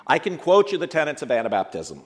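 A man's voice: a little high, wildly swooping pitch, fast talker. Earnest man in his sixties giving a talk. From grew up in Ethiopia and the United States. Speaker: guest speaker. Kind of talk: speech to a live audience.

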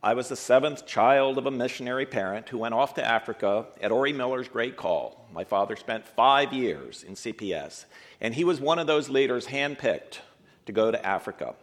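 A man in his sixties giving a speech to an audience, telling his life story in an earnest, reflective way and slowing down to stress key points. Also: medium pitch, gravelly. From grew up in Ethiopia and the United States. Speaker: guest speaker.

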